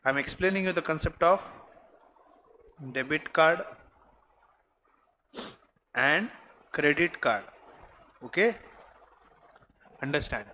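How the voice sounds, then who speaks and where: A man with a fairly high voice teaches a commerce lesson in a classroom. He explains each point slowly and deliberately, quizzing his students as he goes, while faint classroom noise sits behind him. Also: sharp tone. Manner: mixes Hindi, Marathi and English, quizzes students. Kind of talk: classroom lecture.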